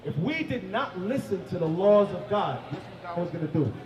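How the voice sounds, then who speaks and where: Male street preacher, high voice, emphatic with bursts of shouting, distant mic in an echoey space. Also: expressive, brisk, a crowd in the background.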